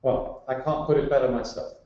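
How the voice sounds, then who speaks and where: A man's voice: medium pitch, steady tone, fairly quick, mellow. A man speaking as a guest on leadership, building emphatic lists of examples with some fillers. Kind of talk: explanatory talk. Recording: roomy, muffled sound.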